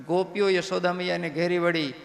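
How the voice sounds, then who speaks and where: A male preacher tells a devotional story, acting out each scene. His voice is high and gravelly. A long hall reverb and faint music sit behind him. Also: moderate pace. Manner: lively, acts out scenes.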